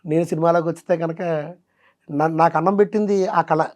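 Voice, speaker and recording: Guy talking fast about how he started out as a mimic and singer, eager, words tumbling out. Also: on the high side, fairly even intonation, darkish tone. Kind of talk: casual interview.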